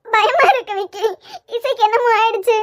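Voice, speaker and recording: A woman voicing a tearful, frightened young mother in a cartoon series, with a Kanyakumari Tamil accent and a squeaky, pleading voice. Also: normal speed, fairly bright tone. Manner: pleading, anxious. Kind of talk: cartoon web series voice acting.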